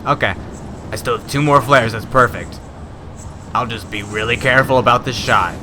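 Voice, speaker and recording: A young man commenting casually on a horror game as he plays, rambling and shouting during fights. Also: mid-range voice, normal speed, noisy background. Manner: rambling, excitable, yells at fights. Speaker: gaming YouTuber. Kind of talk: let's play commentary.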